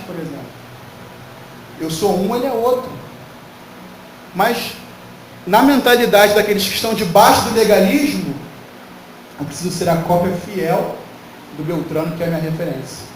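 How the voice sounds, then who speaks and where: High-voiced preacher in an echoey hall. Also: male voice. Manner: emphatic, rhetorical questions to the congregation. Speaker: pastor. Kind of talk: sermon. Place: church hall. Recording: very echoey hall from far off, faint noise.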